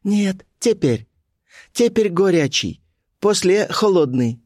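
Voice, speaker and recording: A strange, mysterious young woman, as a male reader puts her on, with a high voice and clipped, broken phrases. She sounds teasing and elusive, with pitch that swings widely. The sound is close and dry, with no room echo. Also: sing-song, slow, darkish tone, heavily acted.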